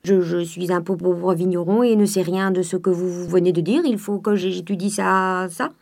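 A woman's voice: lowish voice, steady tone, creaky, darkish tone. A woman voicing a miserly old winegrower who stammers and plays the fool. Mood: wheedling. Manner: halting, stammering.

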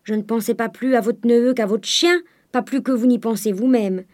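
A woman's voice: on the high side, steady tone, moderate pace, a little mellow, voice pushed up, close to an everyday voice. A woman voicing a blunt, stubborn female servant cook in an audiobook, speaking in an outspoken, insistent way.

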